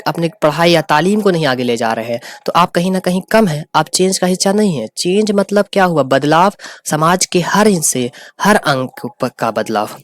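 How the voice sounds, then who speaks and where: A man's voice: on the high side, lively intonation, normal speed, few pauses, no room sound. A man teaching a sociology lesson, explaining and repeating key terms and mixing in English words. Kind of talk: sociology lecture.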